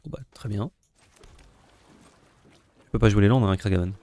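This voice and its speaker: A man's voice: on the low side, brisk, warm tone. A man playing a card game, thinking aloud and muttering his moves in casual chat. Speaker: player.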